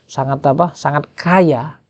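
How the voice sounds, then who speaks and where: Male pesantren teacher, Javanese accent, somewhat high voice, reads Arabic and translates line by line, dull lo-fi sound. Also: steady tone, measured pace, no echo. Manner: quizzes listeners with rhetorical questions. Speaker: Islamic jurisprudence teacher. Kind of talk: kitab lesson, reading and translating Arabic.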